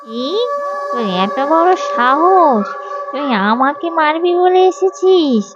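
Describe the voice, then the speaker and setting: A woman voicing a menacing old female ghost in a storybook tale, talking slowly and mockingly. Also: sits high, expressive, pitched above the performer's own voice. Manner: slow, threatening and mocking. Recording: muffled, with background music.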